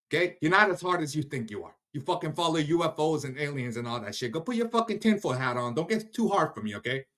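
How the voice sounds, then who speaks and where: A man's voice: on the high side, pushed and bright. Angry profane man ranting on stream. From Iran. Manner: angry, profane, addresses viewers directly. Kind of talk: heated live-stream rant.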